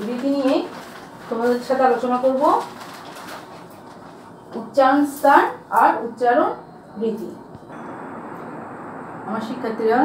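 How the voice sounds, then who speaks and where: A woman teacher giving a grammar lesson to her students, asking them questions and answering them herself. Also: a little high. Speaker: school teacher. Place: classroom with a board. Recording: echoey room, mic far off, faint background hiss.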